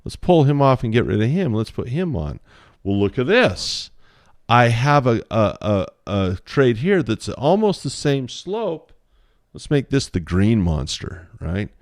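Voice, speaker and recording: A man's voice: mid-range voice, very animated, unhurried, no room sound, clean studio sound. A man teaching options trading in a casual screen-share lesson, chatty and playful, thinking aloud while he draws on a chart.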